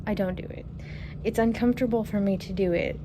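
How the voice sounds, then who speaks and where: A relaxed young woman in her twenties chats through viewer questions, thinking aloud and trailing off with fillers. Her voice sits at an ordinary mid pitch. She records on her phone at home, with a clear hiss of background noise. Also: a little fast. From Kentucky. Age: 20s. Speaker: vlogger. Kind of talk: casual Q&A vlog. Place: her apartment, indoors. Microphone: phone camera.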